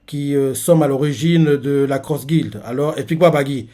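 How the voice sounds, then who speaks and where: A cold, scornful pirate boss speaks slowly and flatly, as a man reads his lines from a manga. The voice stays close to the reader's own. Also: medium pitch, close to an everyday voice.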